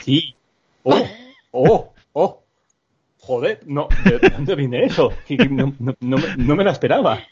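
A man with a husky voice, joking around in a casual chat. He talks in a playful way. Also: mid-range voice, animated, unhurried, darkish tone, lo-fi sound.

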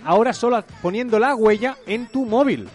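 With soft background music underneath, a man with an extremely high, darkish voice speaks at normal speed. He's a podcast co-host who explains tech news at length in a casual, chatty conversation.

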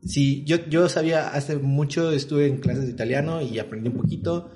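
On a panel, a male tech interviewer who hires programmers chats casually, his voice fairly high and his speed normal. A native Spanish speaker, he stays relaxed, explains with everyday examples, and uses a lot of fillers.

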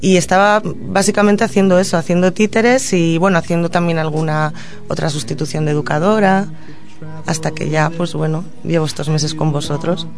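A woman from Madrid, a social educator and puppeteer, answering questions as a guest in a radio studio in an earnest, reflective way, pausing to gather her thoughts. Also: sits low, fairly even intonation, music in the background. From Madrid, Spain.

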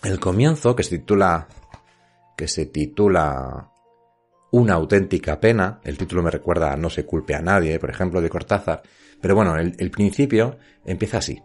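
A man's voice: sits low, normal speed, soft background music. A middle-aged man with an accent from Spain hosting a literary podcast, speaking directly to the listener in a conversational storytelling way. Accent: Spanish from Spain. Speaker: podcast host.

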